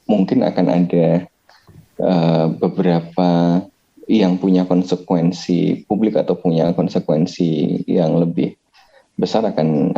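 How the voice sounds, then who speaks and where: A man with an Indonesian accent and a deep, very mellow voice talks through his ideas in a relaxed podcast chat. He hesitates often, filling gaps as he reasons aloud. The recording sounds dull and lo-fi. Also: gravelly. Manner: thoughtful, many hesitations. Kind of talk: casual discussion.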